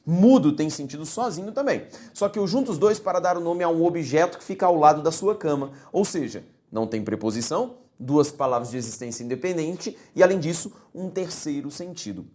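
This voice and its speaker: A man with a Brazilian Portuguese accent teaching a recorded online grammar lesson, animated and often checking in with his students. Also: a little high, brisk, hardly any pauses.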